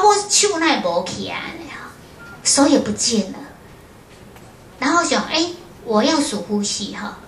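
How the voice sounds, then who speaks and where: A woman, a Buddhist nun, tells her memories to an audience with a fairly high voice and lively short fillers. The room echoes and there is faint ambient noise. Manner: lively storytelling with frequent "hao" and "ha" fillers. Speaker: Buddhist nun giving a lecture. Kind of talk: storytelling lecture to an audience. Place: lecture room at a foundation. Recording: roomy hall with faint ambience.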